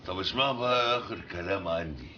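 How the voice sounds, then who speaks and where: An actor playing a gruff, commanding neighborhood boss, with an Egyptian accent and a blunt way of talking. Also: male voice, low-pitched, a little fast, slight background noise, lightly acted. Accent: Egyptian Arabic. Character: gruff middle-aged male neighborhood boss. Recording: dull film soundtrack.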